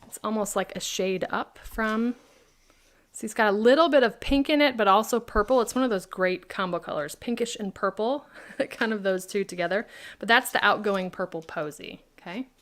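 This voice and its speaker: A woman's voice: mid-range voice, moderate pace, fairly bright tone. Female craft demonstrator, casual livestream host, chatty and friendly with viewers. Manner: chatty, answers viewer questions by name. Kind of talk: live product demo chat.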